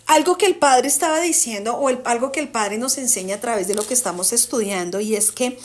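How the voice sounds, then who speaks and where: A woman teaching a Bible study to her congregation, asking the group questions and slowing down on key words for emphasis. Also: a little high. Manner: asks the group questions and repeats answers.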